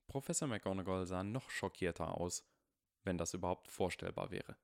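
Low-pitched guy reading a storybook aloud, calm, dry close mic. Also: normal speed, creaky, no room sound. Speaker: audiobook reader. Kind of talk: storybook narration.

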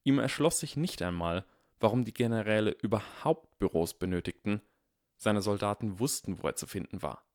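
A man giving a measured, expressive scripted narration of a story. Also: fairly low pitch, no echo, studio quality. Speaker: audiobook narrator.

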